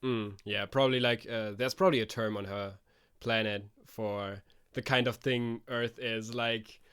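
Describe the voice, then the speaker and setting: A man's voice: on the low side, steady tone, measured pace, a bit bright, smooth. A man narrating as game master of a tabletop role-playing game, thinking aloud with many restarts.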